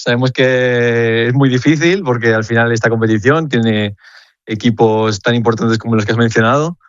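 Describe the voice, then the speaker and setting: A young man from Spain, a footballer, answering questions earnestly over the phone, halting and repeating words as he searches. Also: medium pitch, dry recording, muffled recording. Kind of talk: phone interview.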